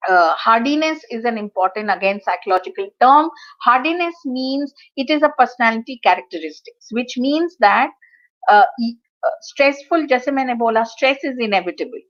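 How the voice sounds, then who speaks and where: Indian woman lecturer, bit high voice, muffled webinar audio, encouraging students. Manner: earnest, encouraging, mixes English with Hindi. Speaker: psychology lecturer. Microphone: video call. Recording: muffled online call audio.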